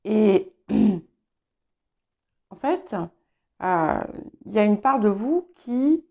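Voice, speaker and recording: A woman giving a spoken tarot reading, hesitant and filling pauses as she talks. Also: medium pitch, big pitch swings, dark tone, dull audio. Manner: hesitant, many fillers and restarts. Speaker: tarot reader. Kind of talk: casual spoken tarot guidance.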